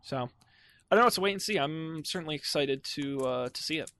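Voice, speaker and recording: A man's voice: on the high side, a little fast, bright, forceful tone. A man hosting a casual tech podcast, chatty and wry, with lots of fillers. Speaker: podcast host.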